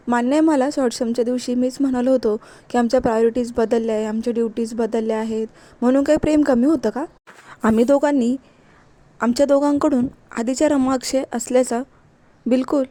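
A woman, hosting a recap of a TV serial and acting out the characters' dialogue in a lively retelling. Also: on the high side, no room sound. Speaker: TV serial episode recap narrator.

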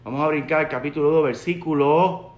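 Indoors in his bookshelf-lined home study, a Puerto Rican rabbi in his forties earnestly teaches Torah to a webcam, his Puerto Rican Spanish accent clear as he repeats his key points. He speaks a little fast in a slightly high voice, and the recording echoes roomily.

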